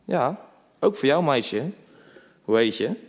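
A man voicing a kind, caring churchgoing woman in a children's storybook reading, his voice raised and soft. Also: mid-range voice, big pitch swings, takes it slowly, slightly rough, heavily acted. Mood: kindly. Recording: long reverb.

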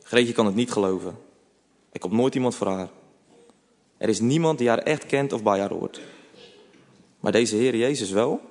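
A man narrating a children's storybook in a calm, gentle way. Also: lowish voice, normal speed, long pauses. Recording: long reverb.

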